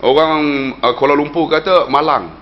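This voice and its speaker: A man's voice: a little high, fairly even intonation, moderate pace, highs cut off, noisy background. A man from Penang preaching to a gathering with a northern Malaysian accent, telling jokey stories and rising sharply when he makes a point. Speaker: religious preacher. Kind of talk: humorous storytelling sermon. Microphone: microphone at a lectern.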